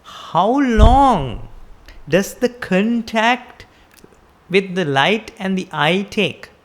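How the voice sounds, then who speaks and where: A Buddhist teacher with a Sri Lankan accent delivers a sermon, explaining step by step and posing rhetorical questions to her listeners. Her mid-range voice has lively intonation, and she draws out her words.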